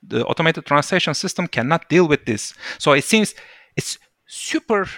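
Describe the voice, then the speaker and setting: A man talks as a guest in a relaxed discussion. His voice is bright and slightly high, and the sound is close and dry. He explains carefully, then leans into his points with lively emphasis. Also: brisk, no room sound. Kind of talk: casual discussion.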